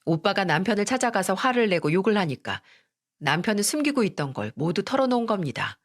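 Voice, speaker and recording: Woman story narrator, steady scripted first-person reading, mid pitch. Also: no room sound, studio quality.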